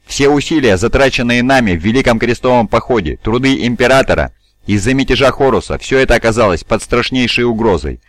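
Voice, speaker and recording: A weary old regent who schemes in a cool, persuasive voice, voiced by a male reader. He sits at an ordinary middle pitch and carefully measures every word. The sound is dry and close. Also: no echo, close to an everyday voice.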